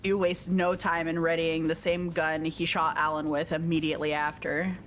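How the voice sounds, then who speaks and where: A woman's voice: sits low, flat delivery, normal speed, a bit bright, faint music behind. Woman reading a game's text aloud. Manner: reads text evenly, breaks off to joke and laugh. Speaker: streamer reading a visual novel aloud. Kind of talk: let's-play narration with casual asides.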